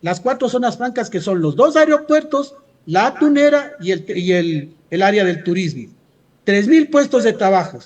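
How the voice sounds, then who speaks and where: In argumentative radio commentary, an Ecuadorian man speaking as a union leader presses his case insistently, asking rhetorical questions he then answers. His high, slightly mellow voice is very animated at a moderate pace, and the audio sounds dull.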